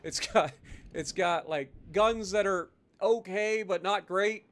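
High-pitched man streaming games, sweary. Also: slow, a bit bright. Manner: sweary, exasperated griping. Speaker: live game streamer. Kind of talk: casual live gaming commentary with chat.

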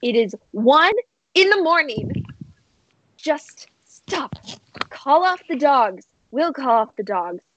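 A man's voice: high voice, fairly quick, highs cut off, a little hiss or hum, close to an everyday voice. A woman voicing an exasperated, indignant man who has been woken in the middle of the night and pleads to be left alone. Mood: weary. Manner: incredulous, pleading.

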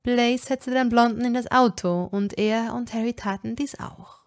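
A woman narrating a fan fiction story in a measured, even way. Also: a little high. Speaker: audiobook reader. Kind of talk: reading fan fiction aloud.

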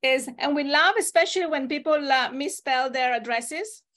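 A woman hosts a relaxed group video call, her voice pitched high. She reads out a long list of places, filling the gaps with ums and uhs. The sound is that of a laptop mic. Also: moderate pace. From Italy. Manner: reads out names and places, with fillers. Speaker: host.

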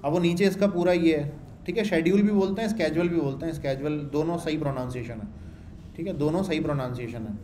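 A man's voice: fairly high pitch, quick pace, warm tone, echoey room, a little hiss or hum. A man walking through a coding tutorial in a chatty way, asking and answering his own questions and repeating his points. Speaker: programming instructor. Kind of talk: screen-share coding tutorial.

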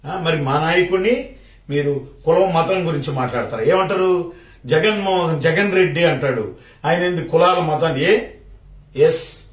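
A man's voice: a little high, echoey room, far from the mic. A man from Kadapa with a Rayalaseema Telugu accent, firing sarcastic rhetorical questions at a minister in a confrontational political rant. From Kadapa district, Rayalaseema, India. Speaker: party supporter.

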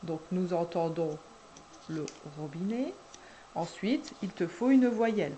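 A woman preschool teacher guiding parents through a syllable dictation, speaking slowly and deliberately and drawing out each syllable. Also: on the low side, animated, mellow, slight background noise. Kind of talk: instructional video for parents.

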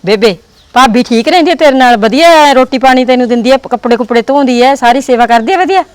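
A woman's voice: high voice, animated, fast, clear, resonant tone, dry recording. A woman playing a devoted, emotional married daughter who talks at length with her old mother in a family drama. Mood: affectionate. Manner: pleading, talkative.

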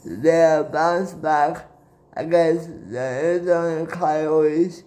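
A young man hosting his own sports channel, giving a solo postgame reaction recap from a small indoor room into a close phone camera. He talks in a halting, hesitant way, stalling and repeating words as he goes. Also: fairly high pitch, steady tone, warm tone. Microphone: phone camera close up from below.

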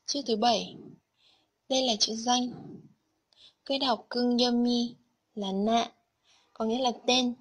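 A woman teaching a Japanese lesson in a slow, unhurried, scripted narration. Her voice sits a little high and has a soft, breathy edge. She explains each word and kanji carefully, one by one. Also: steady tone.

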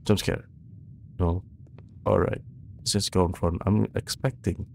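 A man's voice: low voice, fairly even intonation, measured pace, vocal fry, a little mellow, a little hiss or hum. A young man giving casual, nervous, jumpy commentary as he plays a horror game, muttering to himself into a close microphone. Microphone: close microphone on boom arm, headset worn.

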